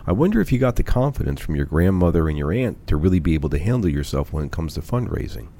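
Deep, animated man hosting radio interviews. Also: fast talker, creaky. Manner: probing, interrupting with follow-up questions. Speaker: radio show host.

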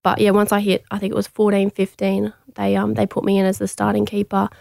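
A young woman from Australia chats casually as an interview guest, her level voice held to a narrow range with a gravelly fry. She talks in a relaxed way, full of fillers and restarts, in a dry, close studio sound. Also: medium pitch, brisk, no echo. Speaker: guest, athlete.

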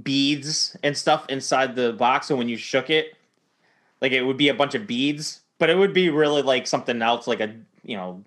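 A man's voice: medium pitch, normal speed. A young man co-hosting a podcast, chatting casually and acting out movie lines as he retells them. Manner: animated storyteller, acts out movie lines. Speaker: podcast co-host. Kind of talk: casual chat.

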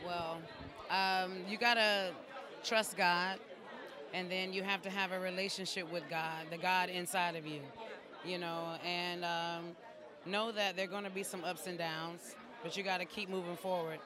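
A man's voice: high-pitched, flat delivery, measured pace. A man, a music artist, giving casual, encouraging answers in an outdoor red carpet interview. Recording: loud crowd chatter outdoors.

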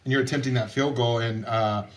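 A man's voice: mid-range voice, fairly even intonation, fairly quick. A man co-hosting a sports podcast, a sports writer chatting casually and restarting his sentences often. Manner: hesitant, many restarts.

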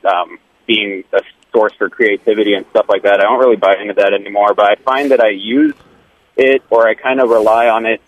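A man's voice: fairly low pitch, steady tone, brisk, no echo. A man calling in to a show by phone while driving his car, talking in a rambling, hesitant way with lots of fillers. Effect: phone call from a moving car. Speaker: caller. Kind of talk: casual call-in chat. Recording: tinny phone line.

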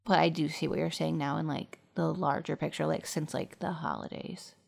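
A young woman co-hosting a podcast, talking in a hesitant, halting way with many fillers and restarts. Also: deep voice, fairly even intonation, creaky, darkish tone. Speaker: podcast co-host. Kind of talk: casual intimate conversation.

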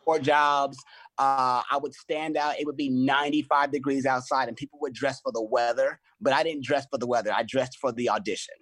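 A middle-aged man in casual conversation, an animated storyteller who acts out his own quoted lines. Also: medium pitch, fairly quick, hardly any pauses, no room sound. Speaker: choreographer and podcast guest.

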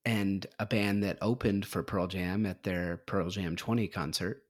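A man's voice: low-pitched, steady tone, measured pace, no echo, clean studio sound. A man hosting a podcast, talking casually with a hesitant, filler-heavy, easygoing delivery. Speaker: podcast host. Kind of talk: casual chat.

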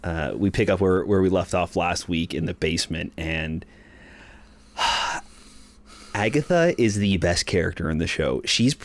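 Excited man gushing in casual podcast chat. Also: deep voice, unhurried, pauses often, no room sound. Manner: enthusiastic, frequent "like" fillers and restarts. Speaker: podcast co-host. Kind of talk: casual show recap chat.

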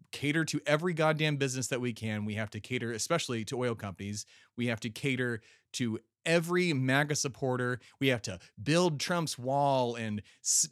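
A man rants heatedly into a voice message, swearing and pushing his words hard. His voice sits at an ordinary pitch. The recording is dry with no room sound. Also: no echo. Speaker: caller. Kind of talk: angry voice-message rant.

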